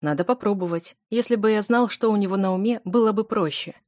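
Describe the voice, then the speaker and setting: A woman voicing a steady, self-assured man who runs orphanages, speaking calmly and matter-of-factly. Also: medium pitch, a little fast, no echo, clean studio sound, close to an everyday voice.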